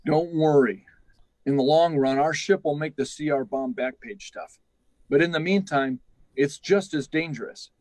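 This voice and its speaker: This man's slightly high, a little mellow voice moves at a moderate pace, sounding natural with no echo. He's cast as a stern, cautious space test project chief in 1950s radio drama fashion, insisting and instructing with a grave urgency.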